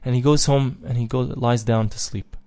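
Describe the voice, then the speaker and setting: A man's voice: medium pitch, fairly even intonation, normal speed, a little mellow, no room sound. A man telling a parable in a daily religious lesson, repeating and restarting phrases as he goes. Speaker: teacher of a daily Torah lesson. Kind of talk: parable storytelling.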